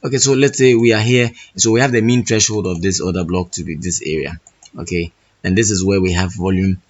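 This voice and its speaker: Husky hoarse man, halting chart talk. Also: low voice, steady tone, muffled recording. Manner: halting, restarts phrases often. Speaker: trading educator. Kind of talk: thinking-aloud chart walkthrough.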